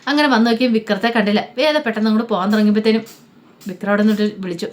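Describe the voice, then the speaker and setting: A woman retelling a TV serial episode in a brisk, conversational storytelling manner. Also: mid-range voice.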